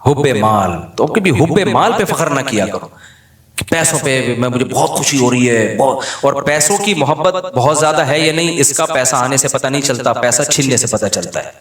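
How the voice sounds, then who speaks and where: A man giving an informal Islamic sermon, telling a funny story with lively acted-out dialogue, then slowing down for serious points. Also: medium pitch. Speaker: Islamic scholar. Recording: echoey room.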